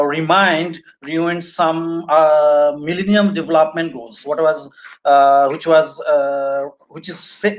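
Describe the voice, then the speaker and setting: A man from Bangladesh in his thirties with a Bangladeshi accent, giving an academic presentation over a video call, halting with many fillers and restarts. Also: a little high. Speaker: webinar speaker. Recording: muffled online call audio.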